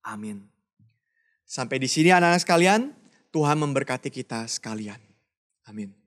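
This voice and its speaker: A man preaching a Bible story to children, telling it with lively rises and soft hushed endings. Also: medium pitch, brisk.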